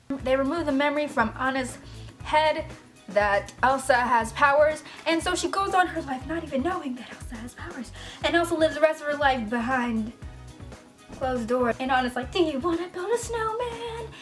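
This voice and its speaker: A woman chatting in a rambling vlog, full of fillers and self-corrections as she recaps a movie. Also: fairly high pitch. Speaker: vlogger. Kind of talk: casual movie commentary vlog.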